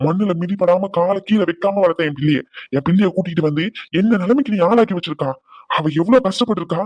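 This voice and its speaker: Man doing a protective cartoon dad, high voice, fast, ready to tell off the son-in-law. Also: darkish tone, dry recording, highs cut off. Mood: angry. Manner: soothing to his daughter, scolding the husband. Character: protective older father, fierce toward his son-in-law.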